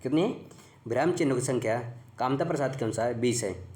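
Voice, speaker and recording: A man teaching grammar for exam preparation in an echoey room. He quizzes the viewer by repeating his own points as questions. His voice sits at a middling pitch, and his delivery is halting and full of restarts. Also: darkish tone. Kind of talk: exam-prep grammar lesson.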